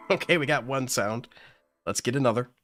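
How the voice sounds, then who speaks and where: A man's voice: mid-range voice, normal speed. Upbeat man hosting a music livestream. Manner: upbeat, thanks viewers, thinks aloud while working. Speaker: livestream host. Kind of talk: casual livestream music-making chat. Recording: loud synth music over the voice.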